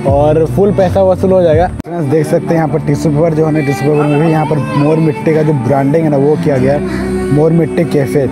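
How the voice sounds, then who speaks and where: A man's voice: a little high, steady tone, quick pace. A young man with a Jharkhand Hindi accent, chatting to the camera in a casual food vlog at an outdoor restaurant, repeating himself as he goes. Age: young adult. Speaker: vlogger. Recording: loud background music.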